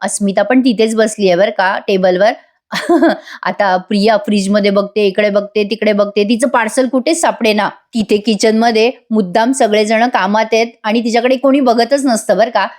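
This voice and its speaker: A woman's voice: medium pitch, fairly even intonation, normal speed, a little mellow. A woman narrating a voice-over recap of a TV serial, chatty and addressing viewers directly. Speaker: TV serial reviewer.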